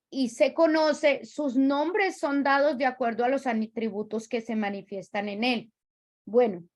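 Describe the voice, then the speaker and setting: Female teacher, high voice, slow careful delivery, repeats points. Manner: repeats herself, slow and deliberate, explaining step by step. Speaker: religious teacher. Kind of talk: spiritual teaching lesson.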